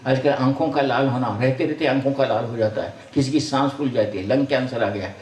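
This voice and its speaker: A man's voice: medium pitch, fairly quick, darkish tone, a little hiss or hum. An older man, a spiritual teacher, giving a folksy sermon to a gathering, blessing and scolding by turns. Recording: roomy sound from far off the mic.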